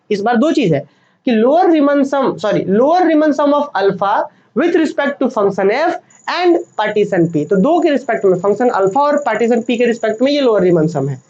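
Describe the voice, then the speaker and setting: A woman's voice: high voice, a little mellow. Patient woman teaching maths. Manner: patient, repeats points, mixes English terms into speech. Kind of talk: classroom lecture. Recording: dull lo-fi sound with faint noise.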